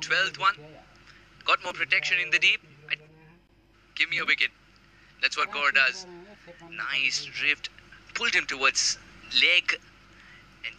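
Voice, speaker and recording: A man's voice: a little high, bright, forceful tone, low-quality recording. A man giving expert co-commentary and tactical analysis during a live cricket match.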